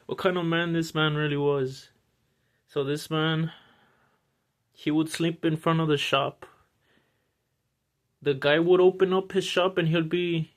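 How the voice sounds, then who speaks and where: Male storyteller, a bit high-pitched, rambling casual delivery. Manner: rambling, full of restarts and fillers.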